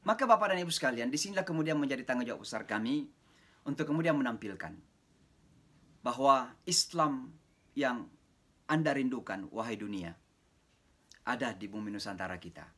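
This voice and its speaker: A man delivering a religious lecture over a video call. He tells stories with lively, animated voices for the people in them and slips English phrases into his talk. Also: medium pitch, moderate pace, long pauses, slightly rough. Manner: animated storytelling, mimics voices of listeners, mixes English phrases. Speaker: preacher giving a talk.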